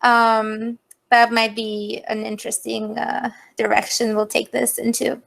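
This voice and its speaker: A woman's voice: on the high side, level tone, measured pace, vocal fry, fairly bright tone. A woman in her thirties with an Albanian accent, giving an informal career presentation to students over a video call as a guest speaker.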